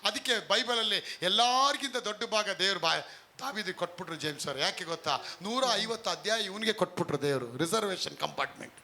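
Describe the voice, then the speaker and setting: A man's voice: on the high side, sharp tone. A male pastor preaching a live sermon, emphatic, often asking the congregation questions.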